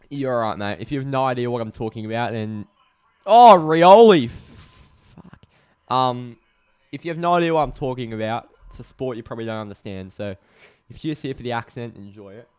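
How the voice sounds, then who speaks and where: An Australian man calling a football match for his live stream audience in a relaxed, chatty way. His voice is smooth and clear at a middling pitch, and he gets excitable over the play. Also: quick pace. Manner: excitable play-by-play, chats with viewers, swears when frustrated. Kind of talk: casual live match commentary.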